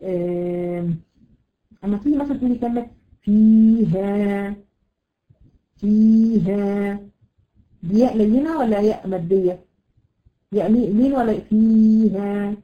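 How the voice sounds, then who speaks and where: A woman with an Egyptian accent teaching a tajweed lesson, slowly drawing out example words with many fillers. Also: medium pitch, narrow, tinny audio. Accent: Egyptian Arabic. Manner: patient, drawn-out example words, frequent fillers. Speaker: Quran recitation teacher.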